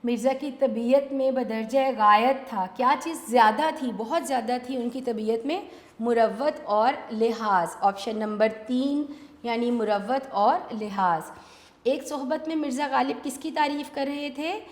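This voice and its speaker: A woman teaching an online exam-prep lesson, addressing students as children and asking and answering her own questions. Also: on the high side. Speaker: Urdu teacher. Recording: echoey hall sound.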